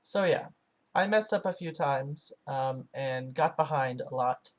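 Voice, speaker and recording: A trainee interpreter speaking in a hesitant, halting way, as in live voice-over translation, with frequent pauses. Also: medium pitch.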